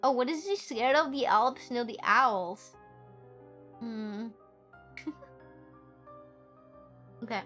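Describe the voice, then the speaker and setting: A woman streamer chatting casually and excitedly while playing a game, often talking fast. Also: fairly high pitch, faint music behind.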